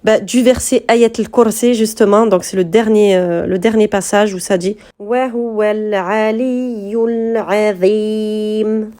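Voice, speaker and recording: A woman's voice: medium pitch, steady tone, moderate pace, few pauses, dark tone. A woman teaching letter pronunciation in a patient, step-by-step lesson, repeating sounds so learners can compare them. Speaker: Quran reading teacher.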